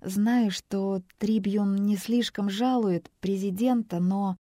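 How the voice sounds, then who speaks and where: Brief: woman doing a tearful young woman in an audiobook, trembling, warm tone. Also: mid-range voice, steady tone, slow, no echo, studio quality, voice pushed up, close to an everyday voice. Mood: embarrassed, polite. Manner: trembling, emotional.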